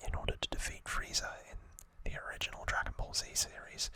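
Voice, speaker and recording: In a breath-only whisper that is soft yet bright and sharp-edged, a male ASMR host goes over trivia. His delivery is casual and halting, with frequent self-corrections as he explains.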